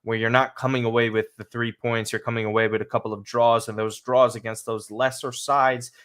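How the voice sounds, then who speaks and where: Guy with a bit of a lisp, mid pitch, chatting soccer on his livestream, casual but makes his points hard. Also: level tone, a little fast, fairly bright tone, clean tone. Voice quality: slight lisp from dental aligners. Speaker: soccer podcast host. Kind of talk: casual livestream match commentary to viewers.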